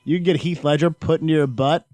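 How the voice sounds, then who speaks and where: A man's voice: fairly high pitch, steady tone, fast, no room sound. A man hosting a podcast, ranting and laughing in casual chat. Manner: loud, rants and laughs. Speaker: podcast host.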